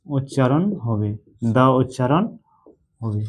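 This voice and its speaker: Slow-talking man teaching English pronunciation. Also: mid-range voice, dark tone, husky. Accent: Bengali. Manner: slow, repetitive, asks and answers his own questions. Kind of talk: slow spoken lesson.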